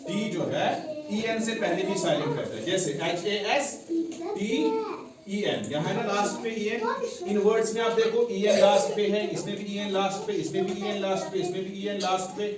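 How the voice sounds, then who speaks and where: A man's voice: sits high, sing-song, normal speed, a crowd in the background. A male teacher giving a classroom lecture, spelling words out letter by letter and often checking that students follow. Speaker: English teacher. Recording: very echoey room, mic far off, students' voices.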